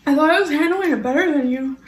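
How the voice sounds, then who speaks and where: A woman's voice: sits high, fast talker, roomy sound, distant mic. A woman chatting casually while tasting spicy candy, reacting nervously to the heat. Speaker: co-host tasting spicy snacks. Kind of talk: casual chat.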